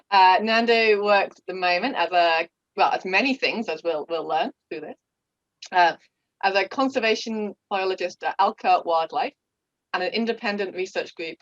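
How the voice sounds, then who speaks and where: A woman's voice: mid-range voice, normal speed, dry recording. A woman in her thirties hosting a casual interview, friendly and giggly, with frequent fillers. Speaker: podcast host. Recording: dull, dry lo-fi audio.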